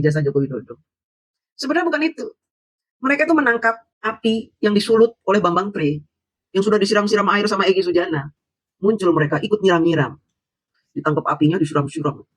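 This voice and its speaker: A man's voice: sits high, fairly bright tone, dry recording. A man doing an angry political vlog, mocking and insulting his opponents with scornful laughs. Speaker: political commentator.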